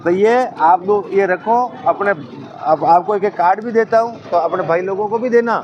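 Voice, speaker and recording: A man's voice: high voice, normal speed. A man, explaining a labour helpline to workers outdoors, patiently repeating himself. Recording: muffled, crowd noise.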